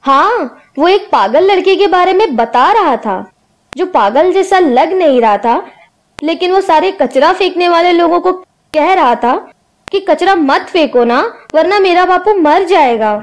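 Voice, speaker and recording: Young woman playing an agreeable friend, high voice, plain amateur delivery. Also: expressive, measured pace. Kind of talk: amateur film acting.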